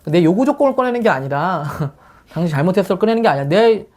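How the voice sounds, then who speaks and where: Male pastor, easygoing storyteller, lively intonation. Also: sits high, fast talker. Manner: animated storytelling with frequent fillers. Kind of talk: casual chat.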